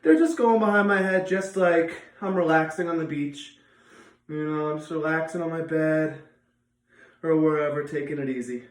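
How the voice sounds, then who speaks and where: A man's voice: a little high, normal speed. A man giving an instructional exercise demonstration as a gym teacher, informal and encouraging, repeating his instructions and raising his voice for counts. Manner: encouraging, counts repetitions aloud in raised voice. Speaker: physical education teacher. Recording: echoey room.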